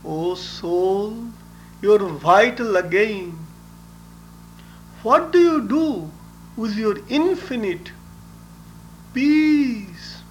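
A man with a high voice recites a devotional message at an extremely slow, drawn-out pace. He sounds like a spiritual teacher, solemn and deliberate, with every word carefully placed. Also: animated, a little hiss or hum.

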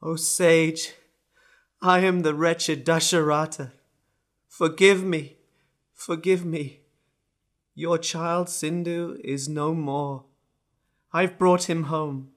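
A remorseful king from an old tale pleads in anguish, played by a man. His voice is bright and raised, and the words come slowly and heavily. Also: fairly high pitch. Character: grief-stricken remorseful ancient king, man. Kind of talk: storybook reading.

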